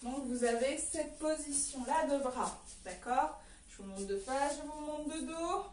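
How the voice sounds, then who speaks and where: Speaking unhurriedly in a high but darkish voice, a woman leads an online belly dance class, counting aloud and calling steps as she dances. There's a little hiss or hum, plus a roomy echo from being far from the mic.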